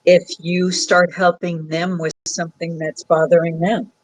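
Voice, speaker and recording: A woman hosting a psychic podcast, giving a frank, emphatic reading to a caller and scolding him gently. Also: on the low side, level tone, measured pace, no echo, rough recording. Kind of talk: casual live call-in reading. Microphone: phone app recording.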